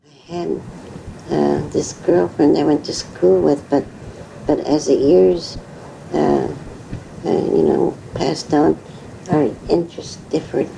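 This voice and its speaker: Older lady remembering old days, slow to find words, super gravelly dark voice. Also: low voice, slight background noise, rough recording. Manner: hesitant, searching for words. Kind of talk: interview recollection.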